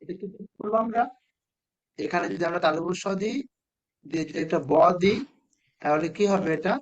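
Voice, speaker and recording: With a high voice, a man teaches spelling to a class of children. He patiently repeats words slowly and quizzes the pupils.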